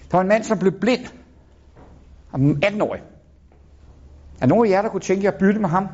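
A man's voice: mid-range voice, darkish tone. A middle-aged man giving a live motivational talk, blunt and swearing freely, constantly quizzing the crowd. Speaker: motivational speaker. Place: in front of a live audience. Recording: dull lo-fi recording.

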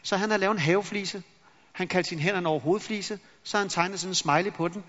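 A high-voiced middle-aged man speaks as a motivational speaker, acting out anecdotes with lively energy. His voice rings with a long hall reverb, and the recording sounds dull and lo-fi. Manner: lively storyteller who acts out anecdotes. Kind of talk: motivational talk to an audience.

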